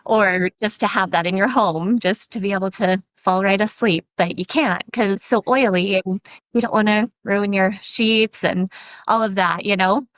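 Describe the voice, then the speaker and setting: A woman's voice: mid-range voice, normal speed, a bit bright, no room sound. A woman in her forties, a podcast guest, telling a story in a chatty way and acting out what people said. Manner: chatty, laughs often, acts out quoted talk. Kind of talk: casual storytelling.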